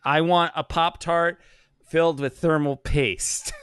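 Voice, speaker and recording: A man's voice: fairly high pitch, fairly even intonation, takes it slowly, a bit bright, clean tone, no echo, studio quality. A man co-hosting a casual comedy podcast, rambling and swearing, often breaking into laughter. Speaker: podcast co-host.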